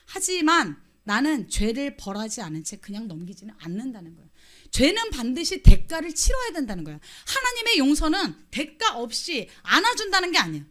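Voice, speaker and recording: Lively high-voiced Korean woman preaching. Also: fairly quick. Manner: animated storytelling, acting out quoted voices. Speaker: pastor's wife preaching. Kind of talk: Christmas sermon to a congregation.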